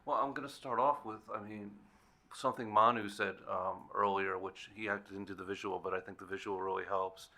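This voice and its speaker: A man's voice: lowish voice, steady tone, fairly quick, sharp tone. A man, speaking as a consumer advocate on a panel in an earnest, plainspoken way. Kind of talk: panel discussion remarks.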